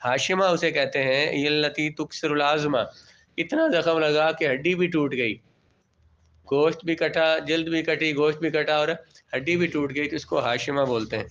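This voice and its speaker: A man with a fairly high voice teaches a class, reading out terms from an old text and explaining each in simple words. He often asks a question and answers it himself. The recording sounds dull and lo-fi. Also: fairly even intonation, a bit bright, a little hiss or hum. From Pakistan. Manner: reads Arabic terms, then explains each in plain everyday words. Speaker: religious studies teacher.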